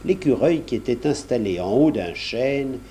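A man's voice: mid-range voice, expressive, moderate pace, mellow, slight background noise. A man reading a children's story aloud, addressing the young listener directly and explaining as he goes.

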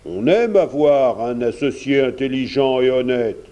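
Kindly gentleman benefactor, mellow tone, unhurried storybook pace from a male reader. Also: mid-range voice, lively intonation, lo-fi sound, natural voice. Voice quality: gentle, reassuring. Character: kindly older gentleman painter, warm benefactor.

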